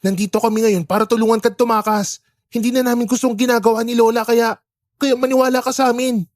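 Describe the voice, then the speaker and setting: A woman's voice: on the high side, level tone, fast talker, darkish tone, no echo, clean studio sound, close to an everyday voice. A woman voicing an earnest young boy who speaks respectfully and urgently.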